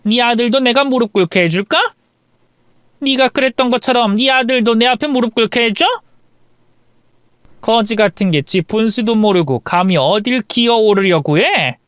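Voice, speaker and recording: A man's voice: very high-pitched, normal speed, fairly bright tone, smooth, no room sound, clean studio sound. A man voicing a sneering, mocking middle-aged woman bully in a story radio drama. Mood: scornful. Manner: mocking, cackling.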